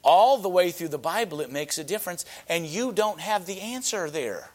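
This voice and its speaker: A man's voice: high voice, lively intonation, moderate pace. Emphatic middle-aged male preacher. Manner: emphatic, rising to loud peaks on key points; rhetorical, answers imagined objections. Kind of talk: sermon.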